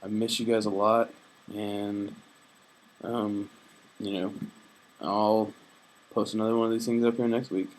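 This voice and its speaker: Speaking a little slowly with frequent pauses, a young male vlogger keeps his lowish voice fairly flat in pitch over poor audio. His casual diary is homesick, earnest and faith-minded, with a hesitant, reflective feel full of fillers and restarts.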